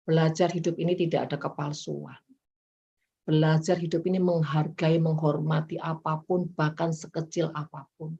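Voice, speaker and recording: A middle-aged woman evangelist, preaching a sermon in a lively way and acting out quoted voices as she speaks straight to her listeners. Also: low-pitched, normal speed, husky. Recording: dull muffled recording.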